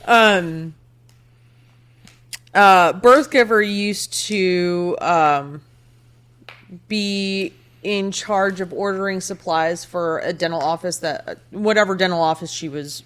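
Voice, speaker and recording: Podcast co-host, woman from Texas, unhurried, frank and wry, faint drawl. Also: lowish voice, a bit bright. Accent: slight Texas drawl when tired. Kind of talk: casual profane chat.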